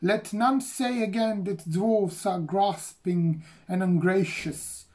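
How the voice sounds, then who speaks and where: Man voicing a stately elf queen, solemn, slow, raised voice. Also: high voice, darkish tone. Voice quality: slow, measured, ceremonial reading. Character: graceful ancient elf queen, woman, solemn. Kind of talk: reading a novel aloud.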